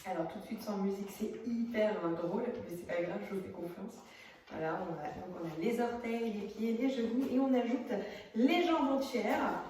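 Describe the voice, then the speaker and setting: A warm, medium-pitched woman's voice at a moderate pace belongs to a theatre workshop teacher giving a casual video lesson. She chats, hesitates often and demonstrates as she speaks. A phone camera records her from a distance in a very echoey room, with slight background noise.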